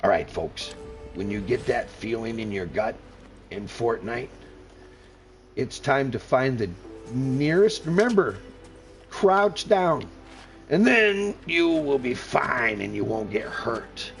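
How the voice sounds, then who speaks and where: A man's voice: mid-range voice, lively intonation, slow, gravelly, soft background music. A middle-aged man streaming a game, rambling in a folksy, effusively friendly way and repeating himself. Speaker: gaming streamer. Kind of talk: casual live gameplay commentary.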